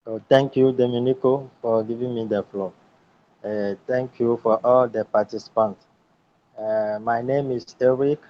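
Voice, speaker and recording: A man's voice: medium pitch, steady tone, a little slow, a little hiss or hum. A man from Ghana, an environmentalist, presenting his work steadily as a guest on an online panel. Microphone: video call. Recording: dull lo-fi video call audio.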